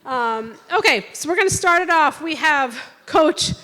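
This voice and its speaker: A woman's voice: high-pitched, lively intonation, measured pace, pushed and bright. A woman hosting a school athletic awards night, reading out teams and honors with some fillers. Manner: upbeat, announcing lists with fillers. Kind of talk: speaking at a podium to an audience. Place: school hall or gym. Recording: reverberant hall.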